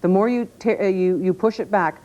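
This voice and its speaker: A woman's voice: medium pitch, brisk, mellow. A woman presenting a product demonstration on home shopping, explaining insistently and repeating key words for emphasis. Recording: dull lo-fi TV audio.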